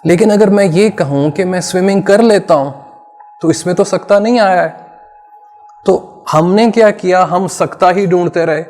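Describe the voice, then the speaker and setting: A man's voice: high voice, moderate pace, a little mellow, big-room sound. A man from Pakistan teaching English grammar to children in Urdu, explaining earnestly and repeating points in a teacherly way.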